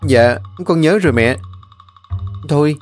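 A devoted young son, pleading and choked up with tears, as a male narrator plays him. His voice is pushed up well above the narrator's own and a little louder, with soft music behind. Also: fairly high pitch, unhurried, voice pushed up, lightly acted. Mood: eager. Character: young adult son, poor, tearful and devoted. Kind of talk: audiobook character reading.

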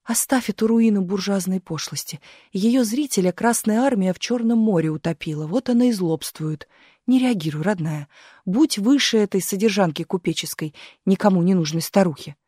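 A woman's voice: mid-range voice, moderate pace, warm tone, slightly rough, no room sound, studio quality, natural voice. Woman doing a pushy actress mom, rattles on, gets indignant, storybook. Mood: contemptuous. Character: pushy young actress mother, brash, hurried. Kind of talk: audiobook character voice.

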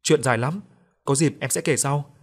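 A man reading the part of a teenage boy's ghost who speaks calmly and gives warnings. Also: medium pitch, normal speed, breathy edge. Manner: calm, warning. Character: ghost of a teenage boy, calm and cryptic.

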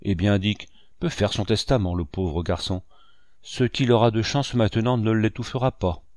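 A cunning old pirate captain, put on by a male audiobook reader, speaks with calm, drawling mockery. The voice sits low and is recorded dry and close. The storybook telling is unhurried and sly. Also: no room sound, natural voice. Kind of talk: audiobook reading.

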